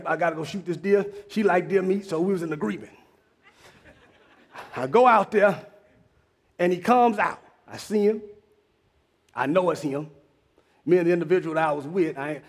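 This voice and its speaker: A man preaching a sermon, telling a hunting story and building up to shouted preaching in a church cadence. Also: fairly high pitch, gravelly.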